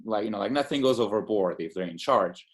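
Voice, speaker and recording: This man's voice is fairly low and expressive, and he moves at a quick pace. A Portuguese immunologist in his thirties, he's the enthusiastic guest in a laid-back interview, often restarting and filling gaps.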